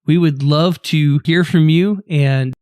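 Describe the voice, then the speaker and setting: A man's voice: fairly high pitch, takes it slowly, a little mellow, smooth, no room sound, studio quality. A man co-hosting a podcast, chatting casually in a laid-back, rambling way with filler words. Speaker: podcast co-host.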